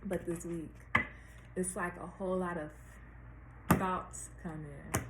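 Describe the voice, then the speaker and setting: An American woman talking slowly and deliberately with a slight retainer lisp, giving casual spiritual guidance to viewers and repeating phrases for emphasis. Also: fairly low pitch, fairly even intonation. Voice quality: slightly lisped speech from wearing a dental retainer. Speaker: tarot reader and astrologer hosting a weekly series. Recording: roomy echo with faint background noise.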